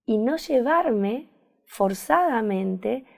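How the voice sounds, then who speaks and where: With a fairly high, gravelly and slightly mellow voice, a woman therapist draws out her words and uses lively intonation. She speaks with a Rioplatense Spanish accent as a guest in a reflective conversational interview, often searching for words and repeating phrases.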